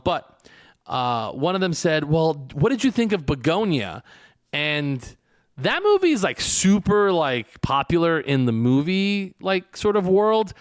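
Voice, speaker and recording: A man hosting a casual podcast, telling stories in a rambling, excitable way with lots of restarts. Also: a little high, dry recording, clean studio sound. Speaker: podcast host.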